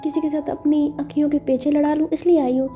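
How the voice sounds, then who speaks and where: A woman's voice: high voice, flat delivery, brisk, warm tone, soft background music, lightly acted. A woman voicing a shameless, teasing female boss who jokes with her friends in a storybook romance. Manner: playful, mocking banter.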